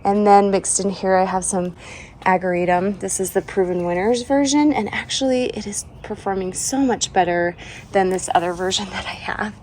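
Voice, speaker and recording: Outdoors in her front yard garden, a sleepy woman who is recovering from a cold gives a casual tour as a home and garden vlogger. She speaks in a mid-range voice, chatty and quick to laugh, frequently leaving sentences unfinished. There's slight background noise.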